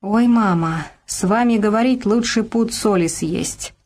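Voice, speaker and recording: A woman's voice: medium pitch, a little slow, a little mellow, lightly acted. Woman reading as a tired, angry mom, hissing words through her teeth, at the end of her rope. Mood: irritated. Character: worn-out, angry working mother.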